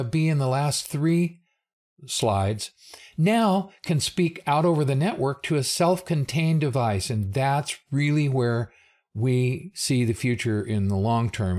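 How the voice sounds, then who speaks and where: An older man, in his sixties or beyond, narrates an explanatory slide presentation for a technical briefing. His voice sits at a medium pitch with a darkish tone, and he keeps things plain-spoken, tossing in informal asides.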